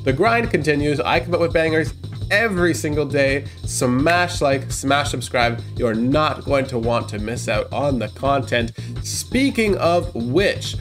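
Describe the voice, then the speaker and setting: Over music, a congested-sounding young man hosts a casual reaction video at a measured pace, his medium voice full of lively intonation. He's chatty, hyped and prone to rambling, speaking into a headset mic in a small room.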